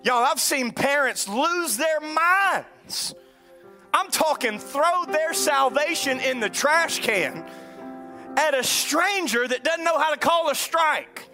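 A man preaching a sermon in a North Louisiana accent, animated, with sudden shouts and drawled asides. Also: extremely high pitch, slow, over music. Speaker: pastor.

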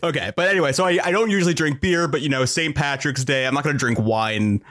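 An American man appearing as a guest on a casual movie podcast, making deadpan jokes. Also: fairly high pitch, fast. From United States. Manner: joking, deadpan quips. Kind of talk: casual movie-review chat.

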